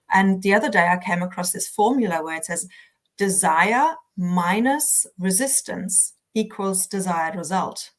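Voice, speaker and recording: A woman host with a fairly low voice leads a casual interview. She poses long, reflective questions, rephrasing as she goes. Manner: thoughtful, rambling, self-correcting questions. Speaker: podcast host.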